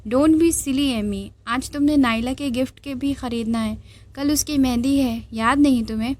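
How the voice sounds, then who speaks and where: A woman reading aloud and voicing a bossy but caring sister-in-law who gives brisk orders. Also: sits high, darkish tone, lightly acted. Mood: brisk, coaxing.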